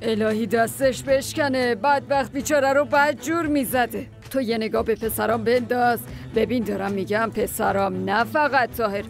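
Older mother-in-law, gravelly and domineering, voiced by a woman in a drama dub. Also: on the high side, faint music behind. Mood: stern. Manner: scolding, commanding. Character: bossy older village mother-in-law, sharp-tongued matriarch.

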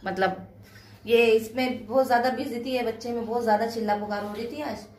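A woman's voice: fairly high pitch, fairly even intonation, a little fast, a little mellow. A woman from India chatting casually to her viewers in a home vlog, talking through dental pain, recorded on a phone camera indoors. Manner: chatty, addresses viewers directly. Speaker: vlogger.

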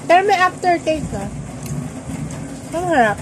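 A woman's voice: very high voice, lively intonation, slow pace, heavy background noise. A Filipino woman chatting casually as a food vlogger while tasting, speaking with her mouth partly full.

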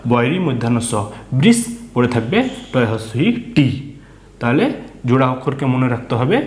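A man with a Bangladeshi Bengali accent leads a children's reading lesson at an even middle pitch. He patiently sounds out letters one by one and keeps asking the class questions. His voice carries a noticeable echo from the room around him. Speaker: teacher.

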